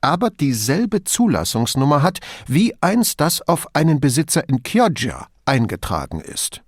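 A man's voice: a little high, huge pitch swings, a little slow, no echo, studio quality, voice pushed up, heavily acted. A man reading an audiobook, playing a fussy, submissive male bureaucrat in a raised, pedantic voice.

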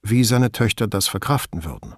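A man reading an audiobook, voicing a calm, polite middle-aged male police commissioner in a measured way. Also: lowish voice, no echo, studio quality. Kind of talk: audiobook dialogue.

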